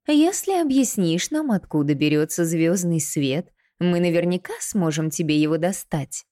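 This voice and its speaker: A woman's voice: fairly low pitch, expressive, normal speed, mellow, no echo, clean studio sound, close to an everyday voice. A woman voicing a haughty, cruel queen with a ringing, threatening voice in an audiobook. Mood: menacing. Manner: ringing, threatening, coldly sweet.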